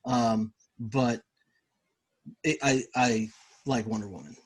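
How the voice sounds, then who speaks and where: A man chatting as the guest of a game designers' interview. He sounds relaxed and talkative, laughing easily between answers, at a middle pitch. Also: takes it slowly, slightly rough. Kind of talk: casual interview chat.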